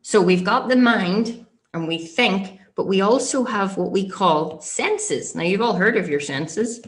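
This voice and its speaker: A woman with a Northern Irish accent teaches as a motivational coach, speaking emphatically and directly to her listeners and checking in with them. Her voice is medium pitched with lively intonation, and her pace is a little slow.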